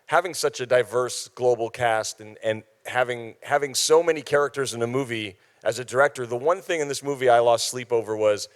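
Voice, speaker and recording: Director guy answering the press, smooth voice, earnest, mid pitch. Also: a little fast, hardly any pauses. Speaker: film director at a press event.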